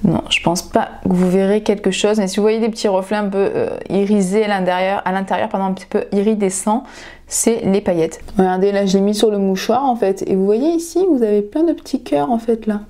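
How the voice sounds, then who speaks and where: Young female vlogger, mid-pitched, casual and enthusiastic, product-review chatter. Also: brisk, dark tone. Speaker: nail vlogger. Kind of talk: casual haul unboxing vlog.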